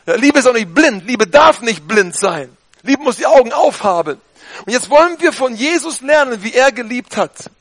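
A man with a strikingly high voice delivers an animated sermon. He speaks straight to his congregation, asking questions and calling out amen and halleluja. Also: normal speed. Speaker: pastor.

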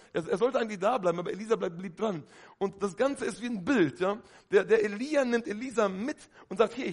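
A man preaching a lively sermon to a congregation, talking to them directly and often calling out hallelujah. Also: high voice, vocal fry.

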